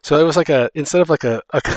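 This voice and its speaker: A man with a fairly high voice co-hosts a casual podcast discussion, rambling and halting as he often abandons sentences halfway and starts them over. The recording is dry.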